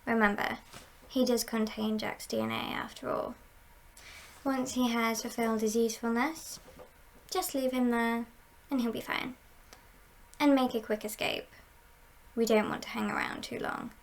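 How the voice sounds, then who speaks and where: A woman playing a confident, scheming female heist boss in an ASMR role-play, speaking in a measured, playful and conspiratorial way with a creaky voice. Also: fairly high pitch, fairly even intonation. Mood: conspiratorial, commanding.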